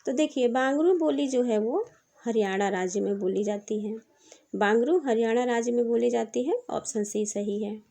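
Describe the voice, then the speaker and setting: A woman with a high, mellow voice runs an exam-prep lesson, reading each question aloud twice before explaining it. Her pace is patient and steady, and she repeats key points. Her tone stays soft and dark rather than bright. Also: normal speed, vocal fry. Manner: patient, repetitive teaching. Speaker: teacher.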